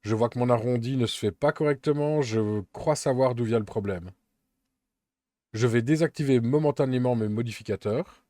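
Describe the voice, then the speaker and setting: A man calmly narrating a step-by-step software tutorial, explaining each action as he works, with an occasional filler. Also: mid-range voice, normal speed, no echo, clean studio sound. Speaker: Blender tutorial instructor.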